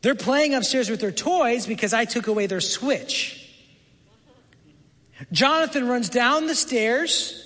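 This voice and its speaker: High-voiced man preaching in a reverberant hall. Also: takes it slowly, pauses often. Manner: animated storytelling, acts out quoted voices. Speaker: pastor. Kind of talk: sermon.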